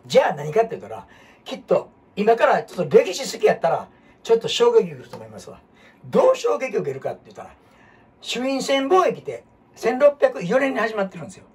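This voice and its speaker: Husky Kansai man telling history. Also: high voice, fairly quick. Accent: Kansai Japanese. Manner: animated storyteller, jumps between topics, asks rhetorical questions. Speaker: host. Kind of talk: casual history talk. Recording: husky voice from far off the mic.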